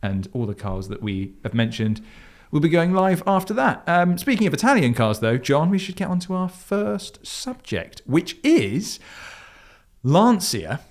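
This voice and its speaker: A man's voice: on the high side, sing-song, moderate pace. A man from Surrey with a southern Surrey, Home Counties English accent, co-hosting a casual podcast chat about cars. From southern Surrey, England. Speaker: podcast co-host.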